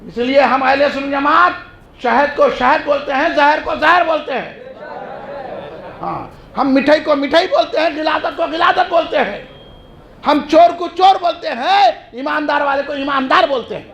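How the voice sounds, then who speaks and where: A man preaching a fiery sermon, chanting repeated phrases and shouting refrains. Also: very high-pitched, animated, vocal fry. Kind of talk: fiery religious speech. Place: large mosque hall. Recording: echoey mosque hall.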